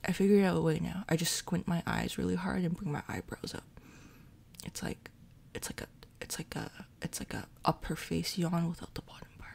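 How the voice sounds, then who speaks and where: A casual ASMR chat from a woman recovering from jaw surgery: her voice is a soft, airy half-whisper, and she rambles, echoing her own words in quick succession. She performs ASMR roleplay, and the audio quality is poor, with steady mechanical noise throughout.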